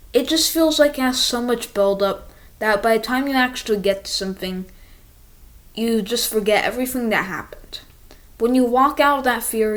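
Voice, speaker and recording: Excitable woman ranking movies. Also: mid-range voice. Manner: excitable, rambling, talks straight to viewers. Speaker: movie reviewer. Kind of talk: casual movie ranking vlog.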